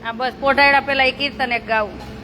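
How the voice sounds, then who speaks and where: A woman with a high, fairly quick voice and fairly even intonation runs a charity for slum children. Chatting casually among a group of them, she playfully but bossily teases, coaxes and scolds. The outdoor ambience is noisy and crowded.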